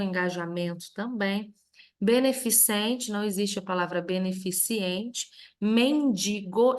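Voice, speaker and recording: Speaking in a mid-range, fairly bright voice, a woman with a Brazilian Portuguese accent goes over a grammar lesson. Her teaching is clear and methodical, with emphasis placed on every example word.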